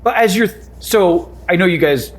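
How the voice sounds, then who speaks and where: A man hosting a podcast interview, quick to chime in with agreement. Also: high-pitched, expressive. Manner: quick, frequent affirmations. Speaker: podcast host. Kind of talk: casual interview.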